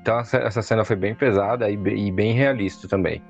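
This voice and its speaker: A man with a lowish voice weighs in on a film, pausing and restarting as he looks for words. His sound is dull and lo-fi. Faint music plays under him. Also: steady tone, creaky. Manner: hesitant, searching for words. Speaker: podcast co-host. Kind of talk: casual movie review chat.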